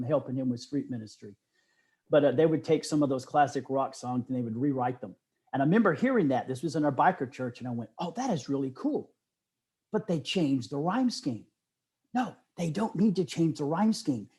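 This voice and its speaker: A middle-aged man, a guest in an interview, casually tells stories with animated enthusiasm, his voice sitting a little high.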